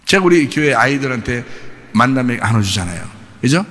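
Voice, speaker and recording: A man preaching a sermon as pastor, animated and folksy, acting out family quarrels and dropping into casual speech. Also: medium pitch, a little fast, long reverb tail. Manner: folksy, shifts between polite and casual speech. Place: church sanctuary.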